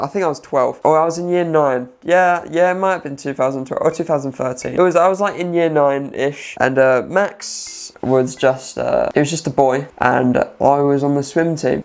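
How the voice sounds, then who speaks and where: A man's voice: mid-range voice, gravelly. A young man telling a rambling story-time vlog from his bedroom, full of self-mocking jokes. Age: young adult. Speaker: vlogger.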